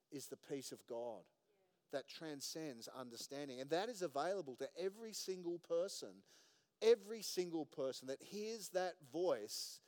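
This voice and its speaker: A male pastor with a smooth, resonant, fairly high voice preaches earnestly to his congregation. He drops to near-hushed stretches and then climbs to loud emphatic points. The sound carries a long reverb from the church hall. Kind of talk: sermon. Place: church auditorium.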